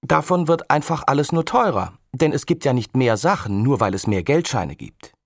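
A man's voice: medium pitch, lively intonation, normal speed, creaky, no room sound, clean studio sound, voice pushed up. A man reading aloud, lifting his voice to play a sceptical, know-it-all young girl who challenges her friend.

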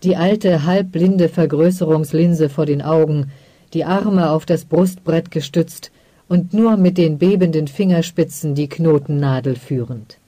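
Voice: mid-range voice, unhurried, mellow, dry recording. Ein Vorleser, der eine literarische Geschichte gemessen und dramatisch als Hörbuch erzählt. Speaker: audiobook reader. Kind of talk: scripted narration of a literary story.

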